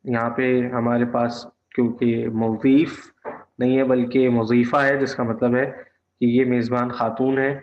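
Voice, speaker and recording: A man's voice: medium pitch, little pitch movement, a little hiss or hum. A man teaching Arabic from a textbook, translating each phrase word by word and repeating it. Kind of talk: textbook lesson. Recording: echoey, slightly dull recording.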